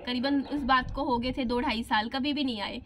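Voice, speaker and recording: A woman's voice: high voice, steady tone, moderate pace, poor audio. A woman vlogger candidly retelling a painful family conflict in a personal storytelling style.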